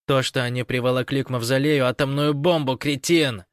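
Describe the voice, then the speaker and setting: Angry shouty boss guy, man putting it on, snarly, very lively pitch, audiobook. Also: moderate pace, dry recording, clean studio sound. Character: furious bossy male ruler, shouting. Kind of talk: audiobook character voice.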